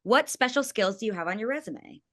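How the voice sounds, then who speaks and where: A woman co-hosts a casual podcast in a bubbly manner, tossing in quick joking asides. Her pitch moves up and down in a lively way, and the sound is dry and close. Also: dry recording. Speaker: podcast co-host.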